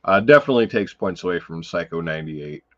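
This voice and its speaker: Man, livestream host, casual film chat, rambling, profane, lots of fillers, lowish voice, dull lo-fi sound. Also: animated, fast.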